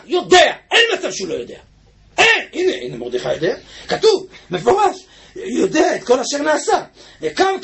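Very high-voiced impassioned male preacher. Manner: swings between fervent shouting and hushed asides. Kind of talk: impassioned Torah sermon.

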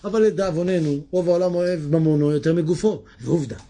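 A man giving a Torah sermon in an animated way, moving from hushed asides to shouted lines and often asking his listeners questions. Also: on the high side. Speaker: preacher.

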